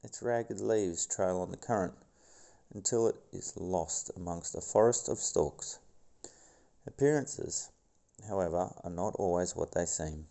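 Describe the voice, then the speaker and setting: A man reading nature documentary narration in a gravelly voice, now and then stumbling over a word. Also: low-pitched, unhurried, dark tone. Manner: stumbles over words and scientific names. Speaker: video host.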